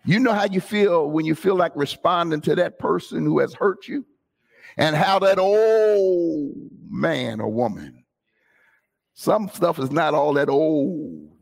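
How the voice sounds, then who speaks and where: A woman preaching a sermon, calling out to the congregation and bursting into shouts. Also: on the low side, gravelly.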